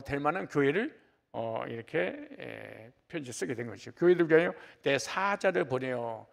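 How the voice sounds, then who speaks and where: A man's voice: on the high side, gravelly. A middle-aged male pastor giving a conversational sermon, with joking asides to his congregation.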